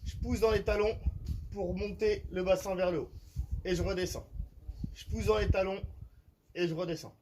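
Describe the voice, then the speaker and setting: A man's voice: high-pitched, steady tone, moderate pace, pauses often, darkish tone, slight background noise, rough recording. A man, a fitness coach, explaining and demonstrating home workout exercises, often checking in with his listeners. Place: outdoor terrace at home.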